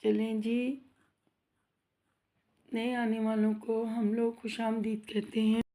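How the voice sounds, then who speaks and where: A woman hosts a casual cooking vlog from her home kitchen, describing how she fries snacks while nursing a sore throat. Her slightly high, mellow voice is monotone and slow. She's friendly and talkative with her audience, calls them "guys" and asks them to subscribe.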